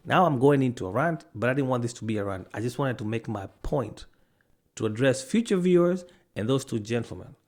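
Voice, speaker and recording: A man's voice: mid-range voice, lively intonation, fairly quick, darkish tone. A man from Africa giving a ranting monologue to camera, arguing hard and firing off one rhetorical question after another. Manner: argumentative, fires off rhetorical questions; stops to check notes mid-rant, with restarts. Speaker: video commentator.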